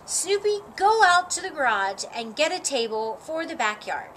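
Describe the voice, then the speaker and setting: An earnest, helpful little boy from a storybook, read by a woman. He explains things like a small scholar. The voice is high and bright, with expressive pitch. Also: moderate pace, slight background noise. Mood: encouraging. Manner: explaining, encouraging.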